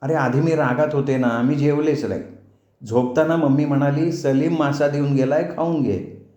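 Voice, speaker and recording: A man's voice: on the high side, fairly even intonation, moderate pace, mellow, highs cut off, natural voice. A man voicing a young village woman who teases and pleads with her sweetheart, for an audiobook with roomy echo. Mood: teasing, pleading.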